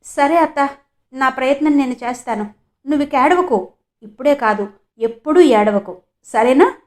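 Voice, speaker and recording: A woman's voice: high voice, normal speed, a little mellow, lightly acted. A woman voicing a young village man who talks in a raised, emphatic, pleading way in a storybook reading. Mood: consoling.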